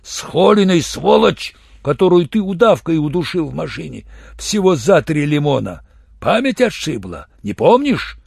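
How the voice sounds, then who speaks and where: A man's voice: a little high, very animated, moderate pace, creaky, husky, no room sound, clean studio sound, pitched above the performer's own voice, exaggerated voice. A man voicing a vengeful, contemptuous man who interrogates a captive with harsh insults. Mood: furious. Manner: scornful, harsh, shouting insults. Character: vengeful hard male avenger, cold and contemptuous.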